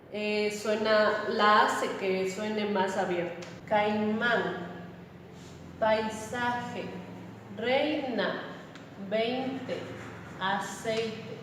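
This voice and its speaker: Slow-speaking woman in an echoey hall. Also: on the high side, far from the mic, a little hiss or hum. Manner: slow, deliberate, with pauses and fillers. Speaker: teacher. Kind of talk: phonetics lesson.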